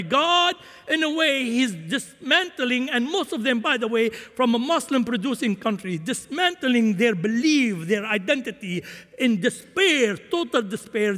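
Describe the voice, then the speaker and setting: A man's voice: extremely high pitch, expressive, normal speed, pushed and bright. A man who grew up in Syria, preaching a sermon with impassioned swings in volume. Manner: impassioned, rising and falling volume. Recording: long hall reverb.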